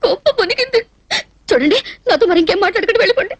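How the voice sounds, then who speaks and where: A simple, emotional young bride-to-be in a film comedy. Her very high voice runs fast in a pleading sing-song, recorded dry and close. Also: animated, no echo, dull audio. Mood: hurt. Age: young adult. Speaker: film character. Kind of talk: dubbed film comedy acting.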